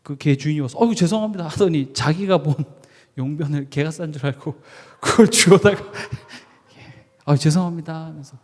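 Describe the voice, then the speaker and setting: Guy preaching, goes loud then drops to almost a whisper, fairly high voice, big echoey hall. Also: measured pace. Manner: animated, swings between loud and hushed, acts out anecdotes. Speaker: pastor. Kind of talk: sermon. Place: church sanctuary.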